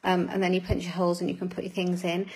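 A woman's voice: lowish voice, monotone, fast, darkish tone, husky, low-quality recording. A woman giving a live craft demonstration, chatting with viewers as she works and laughing at her own fumbles. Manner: chatty, greets viewers by name.

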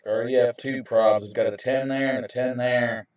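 A man's voice: mid-range voice, fairly even intonation, moderate pace, a little mellow. A man who chases storms, explaining weather radar to viewers in an informal video, recorded on a handheld camera. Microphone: handheld camera, away from the mouth. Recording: roomy, dull, distant handheld camera mic.

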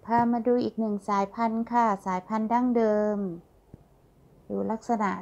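A middle-aged woman hosting a garden channel films outdoors on a handheld phone, politely explaining the flowers on a casual tour. Her voice is on the high side and darkish in tone, with little pitch movement and normal speed. The sound is dull and lo-fi, with a faint hum.

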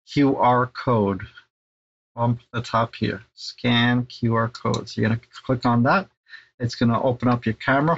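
A middle-aged tech installer presents a casual, informal step-by-step how-to, now and then hesitating and repeating himself. His voice is mid-range, with the highs cut off.

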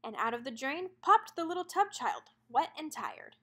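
Here a woman gives an expressive read-aloud of a kids' storybook, her voice high-pitched and her pace moderate.

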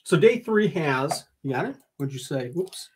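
An older man with a husky voice, hosting a casual livestream giveaway, chatting and joking as he reads out a list of gifts. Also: a little high, animated, moderate pace. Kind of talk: casual giveaway announcement, reading out gift list. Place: indoor room, livestream.

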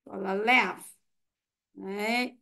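Slow, patient woman teacher on a call. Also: medium pitch, fairly even intonation, vocal fry, pushed and bright. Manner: slow, patient, drills pronunciation word by word. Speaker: English teacher. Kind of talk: online class teaching. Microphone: headset or computer mic on a video call.

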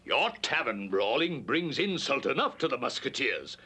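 A stern, commanding musketeer captain. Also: male voice, mid-range voice, big pitch swings, normal speed, sharp tone, husky, full character voice. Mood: scolding. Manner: commanding, scolding, theatrical. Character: stern older musketeer captain, gruff and fatherly. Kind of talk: 1960s cartoon voice acting.

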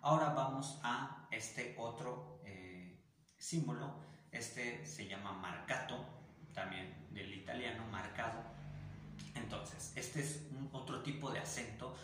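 A man's voice: medium pitch, slow pace, a bit bright. A man with a Mexican Spanish accent teaching an online music theory class, explaining patiently and singing syllables to demonstrate articulations. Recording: very echoey room, faint noise.

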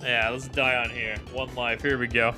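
A young male streamer comments on a retro video game in a mid-range, level voice at normal speed, over background music. The live commentary is relaxed and casual, broken up by frustrated curses.

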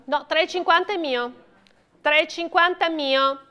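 A woman's voice: sits high, moderate pace, pushed and bright. A middle-aged woman working as an auctioneer, calling live bids and lots in clipped, repeated numbers and names. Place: indoor auction room, at a lectern.

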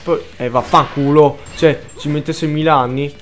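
A man's voice: fairly high pitch, fairly even intonation, normal speed, soft background music. Swearing man commentating gameplay. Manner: swears a lot, frantic outbursts, mutters under breath. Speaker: gaming let's player.

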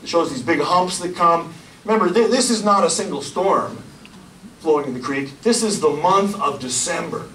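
A man in his forties giving a loud, energetic public science lecture to a room of listeners. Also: fairly high pitch, normal speed, slight background noise. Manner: loud, energetic, gestures and points at slides. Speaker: county hydrogeologist giving a public talk. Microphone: lapel mic, filmed from the room. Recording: echoey room, voice from far off.

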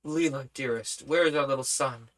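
A man's voice: mid-range voice, normal speed, fairly bright tone, natural voice. A man voicing a bold, gallant hero and leader in a storybook reading, firm and declarative. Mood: tender. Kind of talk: audiobook character voice.

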